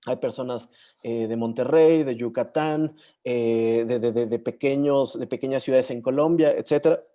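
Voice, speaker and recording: A man hosts an online session, his voice mellow and warm in tone. He talks in a halting way, often pausing as he searches for words and names. The sound comes through a video call. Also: mid-range voice. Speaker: moderator. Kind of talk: casual online session hosting.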